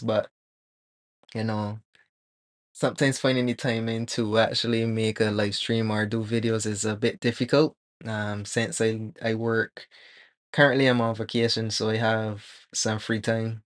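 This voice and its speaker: A man from Barbados, streaming live as a 3D artist, chatting casually and thinking aloud with many pauses and fillers while he works. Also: lowish voice, no room sound, studio quality. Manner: relaxed, rambling, thinks aloud with many ums.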